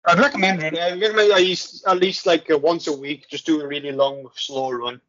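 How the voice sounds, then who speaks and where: A fairly high, bright, tense-voiced man in a podcast chat, teasing and chatty, talking between bites of food. Dry, slightly dull call audio. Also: steady tone, fairly quick. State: eating while talking. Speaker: podcast co-host. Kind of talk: casual chat. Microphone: online call mic.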